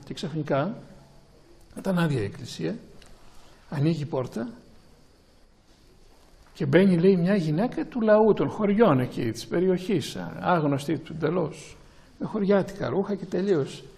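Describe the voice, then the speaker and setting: A male priest preaching in a high-pitched voice with a gravelly, creaky edge. He talks in a slow, halting way, restarting and repeating words as he goes, and answers questions from his listeners. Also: expressive, mellow. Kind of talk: sermon with a question time.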